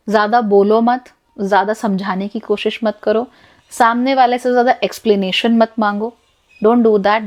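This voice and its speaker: A woman with an Indian accent giving direct advice to camera, firm and instructive, repeating her key points. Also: medium pitch. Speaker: life advice host.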